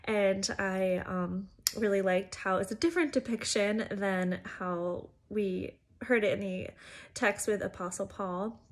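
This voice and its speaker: A woman who works as an educator, giving an informal church devotional in a chatty, conversational way with frequent fillers. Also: mid-range voice.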